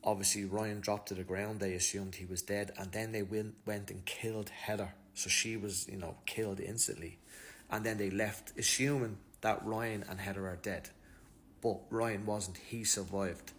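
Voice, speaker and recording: A man's voice: on the low side, steady tone, moderate pace, a bit bright, a little hiss or hum. A man with an Irish accent retelling a crime story in a loose, slangy way, as a commentator. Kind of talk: casual storytelling over footage.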